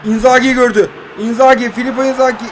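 A young man in his twenties giving casual, excitable play-by-play of his mobile football game, joking and talking to his viewers as friends. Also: extremely high pitch, quick pace, a little hiss or hum. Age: 20s. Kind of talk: casual gameplay commentary.

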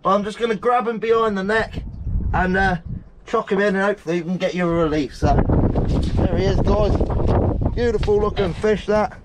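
Out at sea on a small open boat, a young fishing vlogger from Guernsey hauls pots and counts what he's caught aloud, narrating casually for viewers. He speaks at a normal speed in a high-sitting, steady voice. The action-camera recording is filled with loud wind, water and engine noise.

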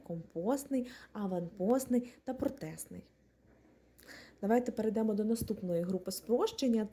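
A young adult woman teaching an exam-prep language lesson, spelling out letters and reading example words one at a time in a clear, deliberate way. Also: medium pitch, mellow.

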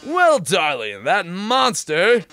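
Campy evil game robot, melodramatic and gloating, voice bright and swooping everywhere. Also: male voice, high voice, wildly swooping pitch, heavily acted. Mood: theatrical threat. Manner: melodramatic, drawn-out gloating delivery. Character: flamboyant theatrical villain robot, gloating and mock-sorrowful.

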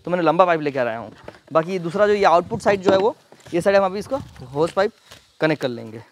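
A man casually reviewing and demonstrating a pressure washer, explaining each step quickly as he handles it. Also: high-pitched, expressive, slight background noise. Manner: rapid, hands-on explaining while demonstrating. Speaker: product reviewer. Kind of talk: casual product demo and review.

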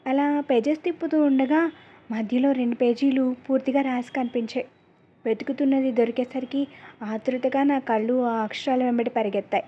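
A woman narrating a first-person love story aloud in a calm, measured storytelling manner. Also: high-pitched, breathy edge. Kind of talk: reading an audio story aloud. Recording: dull lo-fi recording.

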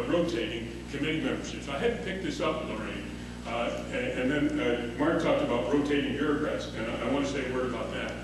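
A middle-aged man speaks at a podium in a big conference hall, halting and full of "uh" as he gathers his thoughts. The sound bounces hard around the room and he seems some way off the mic. A steady hum sits under everything. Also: medium pitch. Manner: hesitant, many "uh" fillers and restarts. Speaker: conference panelist. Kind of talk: unscripted remarks at a podium. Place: large wood-paneled conference hall. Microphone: podium microphone. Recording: echoey hall audio from a distant mic, with hum.

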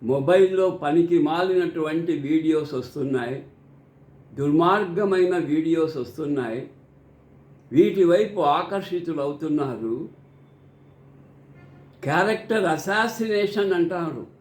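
An older man reciting scripture and explaining it in a slow, earnest, preacherly way, as a devotional teacher. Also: a little high, a little mellow, echoey room.

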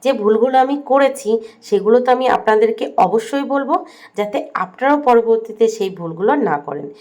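A middle-aged woman with a Bengali accent, speaking as a home vlogger and gently explaining a home ritual step by step in a voice-over. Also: on the high side, lively intonation, a little fast.

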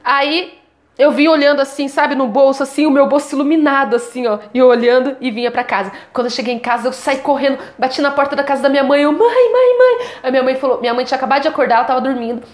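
Young Brazilian woman, high voice, chatty vlog testimony, animated with quoted voices. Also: rapid-fire. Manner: animated, acts out quoted voices with big pitch jumps. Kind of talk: casual testimony storytelling.

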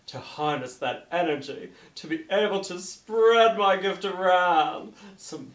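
Man playing a slow, grandiose drag diva infomercial hostess. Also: high voice, a bit bright, recorded from a distance. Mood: grandiose, sweet. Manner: grandiose, coy, theatrical. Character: sugary self-proclaimed mystical drag diva pitching her app. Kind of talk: parody hard sell infomercial pitch. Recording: echoey room, off the mic.

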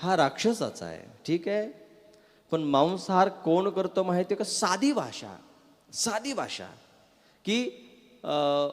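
A man preaching a devotional sermon to a live audience, lively and coaxing listeners to answer back. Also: fairly high pitch. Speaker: katha preacher. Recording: reverberant hall with faint music.

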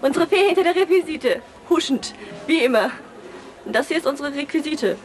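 A woman's voice: sits high, lively intonation, brisk. A young woman filming backstage and commentating, teasing and joking with the cast. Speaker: camera operator and backstage commentator. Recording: noisy backstage crowd. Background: crowd chatter.

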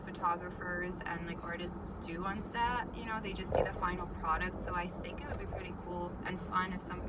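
Upbeat woman vlogging outside, says like a lot, noisy background. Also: mid-range voice. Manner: chatty, upbeat, lots of "like". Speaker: model and vlogger. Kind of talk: casual behind-the-scenes vlog. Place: outdoors in woods and a car.

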